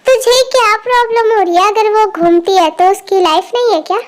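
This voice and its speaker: An indulgent middle-aged mother who stands up for the girl, as a woman voices her. The voice is very high, with no real change from the other roles in this fan audio drama. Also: a little fast. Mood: defensive. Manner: defensive, indulgent.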